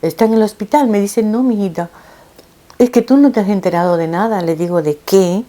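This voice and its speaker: A middle-aged woman, a mother, telling her viewers a painful personal story in an emotional, halting way, with frequent restarts. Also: medium pitch, dark tone. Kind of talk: personal testimony told to viewers.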